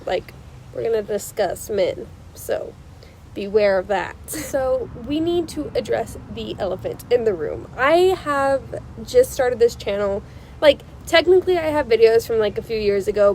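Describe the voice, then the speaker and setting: A woman's voice: a little high, animated, moderate pace, darkish tone, a little hiss or hum, poor audio. Stuffy-nosed young woman, emphatic vlogger. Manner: emphatic, insistent and reassuring, repeats herself for emphasis. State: stuffy nose from illness. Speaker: channel host. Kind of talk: casual spiritual advice vlog. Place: outdoors on a porch. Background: passing cars.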